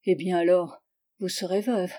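A woman reading the part of a calm, scheming young man who speaks low and quietly insists. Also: normal speed, natural voice. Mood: cool.

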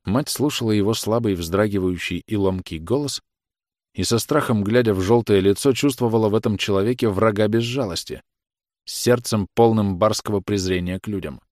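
A male narrator reads literary prose in a measured, grave manner. His voice is low, and the recording is dry and close with no room sound. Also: darkish tone, dry recording. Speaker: audiobook narrator.

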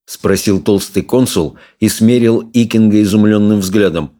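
A man narrating an audiobook in an expressive storytelling manner. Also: on the low side, normal speed. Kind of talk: scripted narration.

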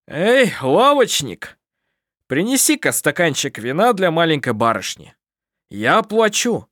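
A male audiobook reader voicing a hearty, boastful miner who speaks loudly and slowly. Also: mid-range voice, big pitch swings, dry recording, clean studio sound. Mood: jovial boasting. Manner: loud, slow, jovial.

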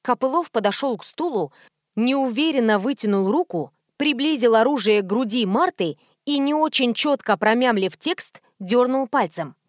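A woman narrating a first-person comic detective novel in an expressive, lively reading. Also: a little high, normal speed, dry recording, studio quality. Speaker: audiobook narrator.

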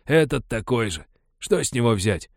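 A man voicing a sly, scornful male miner with a raspy voice. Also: mid-range voice, big pitch swings, normal speed, no room sound, clean studio sound, pitched above the performer's own voice.

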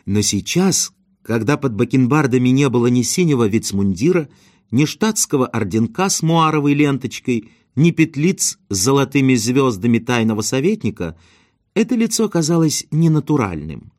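A man reading an audiobook aloud in an expressive storytelling style. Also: mid-range voice, normal speed, no echo, clean studio sound. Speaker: audiobook reader. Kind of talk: audiobook narration.

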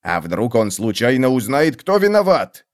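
A man's voice: mid-range voice, big pitch swings, moderate pace, natural voice. Man doing a blustering hot-tempered soldier. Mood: indignant. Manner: loud, indignant, scolding.

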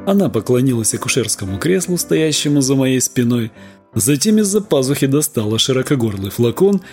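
Man reading a story out loud, really expressive, voice swings a lot, soft music in the back. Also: medium pitch, fairly quick. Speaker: audiobook reader. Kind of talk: scripted literary narration.

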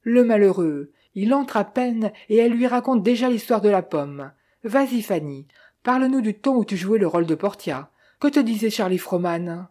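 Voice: medium pitch, normal speed, hardly any pauses, mellow, natural voice. A narrator voicing a cheeky young male actor who mocks and jokes in a storybook reading. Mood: mocking. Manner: mocking, boisterous.

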